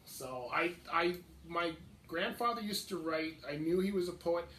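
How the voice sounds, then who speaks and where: A man's voice: on the high side, unhurried, a bit bright, far from the mic. A man in his fifties from Canada, a podcast host being interviewed about himself, chatting casually, rambling and laughing often. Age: 50s. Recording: echoey room, off mic, faint noise.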